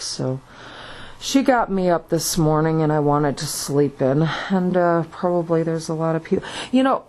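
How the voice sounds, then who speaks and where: A woman's voice: low-pitched, darkish tone, rough recording. A woman vlogging alone in a rambling monologue with lots of fillers and restarts, still in her morning voice. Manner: halting, many fillers and restarts. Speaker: video blogger.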